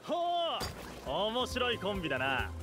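A brash young anime game rival, smug and taunting. His high voice swings widely over very loud music. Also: wildly swooping pitch, a little slow, full character voice.

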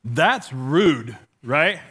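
A middle-aged pastor with a lisp preaches a funny sermon on a church stage, walking and gesturing while telling self-deprecating stories and voicing the dialogue. His voice is on the high side, animated, a bit bright and very slow, with slight background noise.

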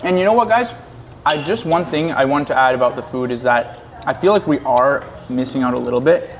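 A young man co-hosts a casual food mukbang at a restaurant in Toronto, joking playfully and exclaiming as he talks between bites. His mid-range voice is animated and fairly quick, with a noisy background.

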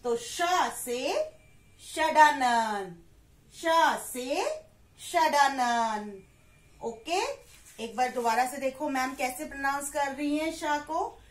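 A woman teaching a class for young children, slowly repeating words and asking questions she then answers herself, mixing English and Hindi. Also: sits high, reverberant. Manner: slow and drawn-out, repeats words for kids.

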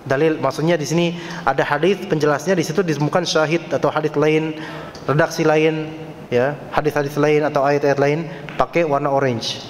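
A man preaching at a study lecture in a mosque, lively and joking with the audience, sighing in dismay at times. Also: a little high, a little fast. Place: mosque hall. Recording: echoey hall, faint background noise.

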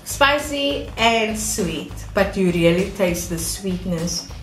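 A woman from South Africa talks through a mouthful, eating snacks while she chats about a food she is tasting. Her voice sits at an ordinary middle pitch and rings a little in a roomy space. Music plays clearly behind her. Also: lively intonation, slow. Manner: chatty, enthusiastic food tasting. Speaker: vlogger. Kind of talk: casual vlog chat. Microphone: close camera mic.

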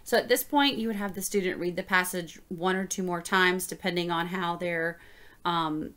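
A woman teacher models a reading lesson. She praises her reader and explains each step slowly and clearly. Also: lowish voice, fairly even intonation, fairly bright tone. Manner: encouraging, explains steps slowly.

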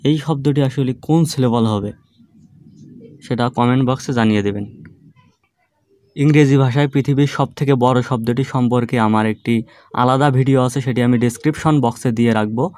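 Male tutor, mid-pitched, patient, explanatory, stretches words into syllables, dry close mic. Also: a little mellow, dry recording. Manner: slow, drawn-out syllable-by-syllable demonstrations; patient, explanatory classroom delivery. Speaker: English grammar teacher. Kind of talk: online grammar lesson.

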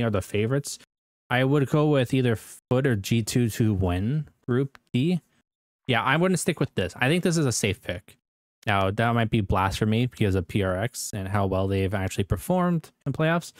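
A man's voice: medium pitch, animated, moderate pace, dry recording, clean studio sound. A young American man with a rambling, self-correcting way of talking, giving casual esports predictions as a video host.

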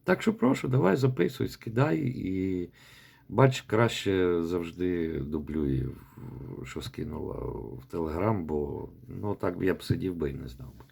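Gravelly low-voiced man giving feedback. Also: animated, measured pace, a little mellow. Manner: rambling, repeats words while demonstrating. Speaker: recitation coach. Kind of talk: spoken feedback voice message.

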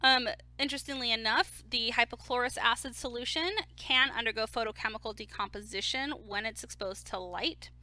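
A woman delivers a recorded chemistry lecture, walking through each step in a relaxed, conversational way. Her voice is bright and forward, and the sound is dry and close with no room echo. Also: a little high, fairly quick, few pauses. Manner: casual, explains step by step with fillers.

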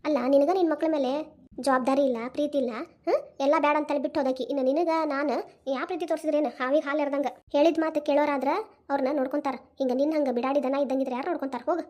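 A bitter, unforgiving village mother from a homespun cartoon lectures with a North Karnataka accent, voiced by a woman. Her voice sits high and runs fast in a long, scolding tirade. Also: steady tone, mellow, lightly acted. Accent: North Karnataka Kannada. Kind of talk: cartoon voice acting.

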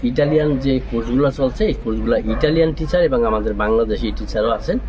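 A man's voice: mid-range voice, rapid-fire, darkish tone. A middle-aged man with a Bangladeshi accent giving a hesitant interview statement as a school president. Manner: hesitant, repeating himself. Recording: clear ambient street-like noise.

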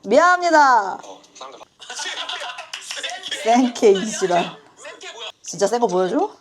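Woman, reaction host; lively, chatty, apologetic asides, a bit high. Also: slow pace, crowd noise. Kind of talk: casual reaction chat.

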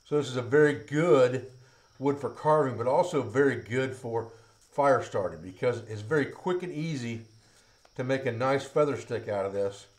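A middle-aged man teaching outdoor skills in a plain, practical way. He talks as he works with his hands, at an ordinary pitch for a man. He is picked up by a camera mic a few feet off. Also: normal speed, a little mellow. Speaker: bushcraft instructor. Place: outdoors by woods, then an open-sided metal shed.

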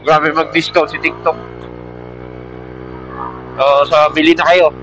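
A slightly high, fairly bright male voice with little pitch movement speaks slowly, with a little hiss or hum in the background. The man has a Filipino accent and is motovlogging on a night ride outdoors, chatting loosely and pitching a product. Audio comes from a Bluetooth helmet intercom mic, muffled and band-limited.

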